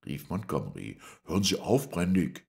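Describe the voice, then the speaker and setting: Panicky shouting sidekick in a storybook, voiced by a male narrator. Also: very deep voice, big pitch swings, fairly quick, creaky, heavily acted. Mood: alarmed. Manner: shouting urgently. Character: agitated, breathless male assistant. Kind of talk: audiobook character voice.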